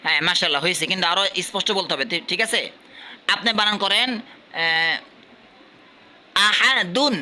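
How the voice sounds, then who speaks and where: A man from Bangladesh teaching at a madrasa, quizzing his pupils and repeating questions while urging them to answer louder. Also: high voice, expressive, fairly quick, long pauses, slight background noise. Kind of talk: classroom quizzing.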